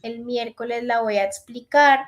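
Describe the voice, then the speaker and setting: This online English teacher, a woman in her thirties, has a high voice with a steady tone and moderate pace, heard through a computer mic on a video call. She walks students through each step, often asking "listo" to check they follow.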